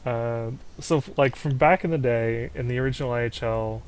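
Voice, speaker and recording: A young man co-casting an esports match, relaxed and quick to react. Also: mid-range voice, clear, resonant tone. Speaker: esports co-caster. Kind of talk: casual game commentary.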